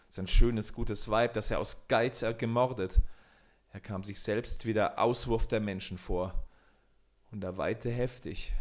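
A man narrating a fairy tale in an expressive, dramatic reading style. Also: lowish voice.

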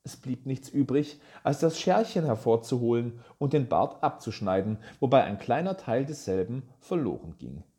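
A reader narrating a fairy tale in a calm, measured way. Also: medium pitch. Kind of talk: storybook narration.

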